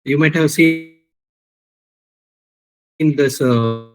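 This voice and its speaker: A man giving a workshop lecture on a video call, his speech coming in halting, broken-up phrases as the call audio glitches and breaks. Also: fairly high pitch, over music. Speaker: workshop speaker. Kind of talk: online lecture answering a question.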